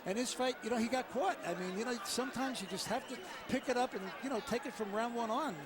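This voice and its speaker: Excitable guy breaking down a boxing match, talks fast, high voice, choppy. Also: a crowd in the background. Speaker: boxing analyst. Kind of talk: live sports commentary. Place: ringside at a boxing arena. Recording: noisy arena ambience.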